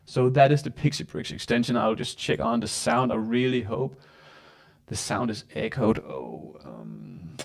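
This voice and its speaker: A man walks through a live screen-share tutorial, his voice of middling pitch and noticeably gravelly. He talks casually and haltingly, filling gaps with "um" and "uh". His sound at times turns echoey and a bit robotic. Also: expressive. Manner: casual, halting with many fillers. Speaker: host of live software tutorial.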